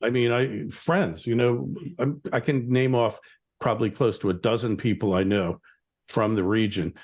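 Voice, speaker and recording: A middle-aged American man hosts an interview podcast, talking in a loose, rambling way and stopping now and then to pick his words. His voice sits at a medium pitch for a man. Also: steady tone, darkish tone. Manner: chatty, rambling, quick opinions. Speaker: podcast host. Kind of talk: conversational interview.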